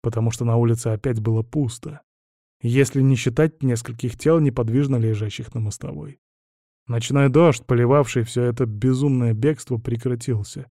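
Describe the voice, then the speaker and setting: Dark-voiced man reading an audiobook. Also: medium pitch, steady tone, moderate pace, dry recording, clean studio sound. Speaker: audiobook narrator. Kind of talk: dramatic first-person audiobook reading.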